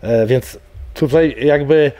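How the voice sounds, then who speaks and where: Dark-voiced middle-aged man, rambling coach. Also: mid-range voice, slow pace, dry recording. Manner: rambling, many fillers and repeated words. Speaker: MMA coach. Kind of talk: casual interview talk. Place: studio with banner backdrop.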